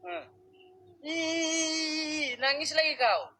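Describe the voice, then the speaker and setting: A man's voice: extremely high pitch, extremely slow, creaky, pushed and bright, a little hiss or hum. A man live-streaming a spirit summoning, scolding and coaxing unseen spirits in short, clipped outbursts.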